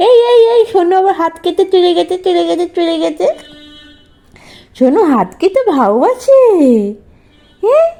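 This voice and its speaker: Woman doing sing-song baby talk to her sick little one, super high pitched, soft mellow tone. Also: big pitch swings, normal speed, pauses often, faint music behind. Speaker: mother.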